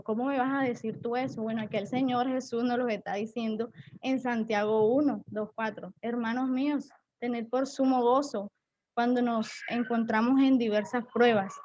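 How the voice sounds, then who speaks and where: A woman's voice: a little high, steady tone, moderate pace, a little mellow, lo-fi sound. A woman giving an earnest church testimony, often repeating and restarting her phrases. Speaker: pastor's wife giving testimony.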